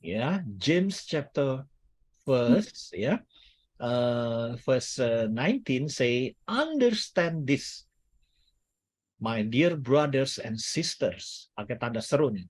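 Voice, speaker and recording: A guest speaker with a mid-range voice delivers a casual teaching sermon extremely slowly but very animatedly, joking with listeners and slipping in English phrases. It sounds like a church service or online meeting.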